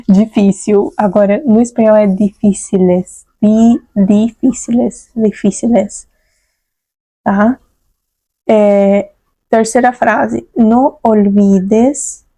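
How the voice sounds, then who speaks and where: A woman's voice: a little high, dark tone, no room sound. A woman with a Brazilian Portuguese accent teaching a Spanish lesson, patiently repeating words and checking in with her students. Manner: patient, repeats words slowly, tags phrases with "né?" and "tá?". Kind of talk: online language lesson.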